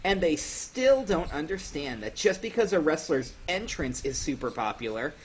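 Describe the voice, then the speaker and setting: A man's voice: fairly high pitch, big pitch swings, moderate pace, a little hiss or hum. A man co-hosting a casual podcast chat, sarcastic and opinionated. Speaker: podcast co-host.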